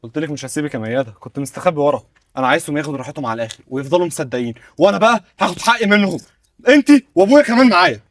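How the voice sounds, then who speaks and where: A man's voice: on the high side, lively intonation, racing, no echo, studio quality, close to an everyday voice. A young man with an Egyptian accent playing a loyal, determined son who speaks earnestly. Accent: Egyptian Arabic. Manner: earnest and emphatic. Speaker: son returning home. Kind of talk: web drama acting.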